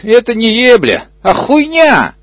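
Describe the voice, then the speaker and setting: Guy putting on a squeaky swearing hippo, pushy and crude, voice jumping all over, dry sound. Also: wildly swooping pitch, measured pace, a bit bright, no echo, heavily acted. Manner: cursing, squealing insults. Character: foul-mouthed male hippo, crude and pushy.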